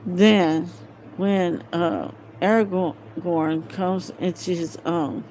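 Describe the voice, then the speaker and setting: An amateur woman reads a fantasy novel aloud slowly and haltingly, splitting phrases and stumbling over words. Her voice is lowish and darkish. It's a low-quality home recording with faint background noise.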